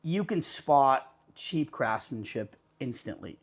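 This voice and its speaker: A man hosting an interview podcast, upbeat and flattering, stringing thoughts together in long lists. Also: medium pitch, slow pace. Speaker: podcast host. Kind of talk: conversational interview.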